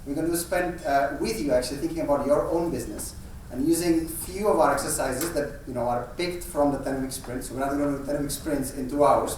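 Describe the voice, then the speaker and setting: A man's voice: medium pitch, slight background noise. Man running a workshop in an echoey hall. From Czech Republic. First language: Czech. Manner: encouraging, gives instructions with many fillers. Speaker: workshop facilitator. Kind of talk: workshop facilitation. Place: large conference hall. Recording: echoey hall, speaker far from mic.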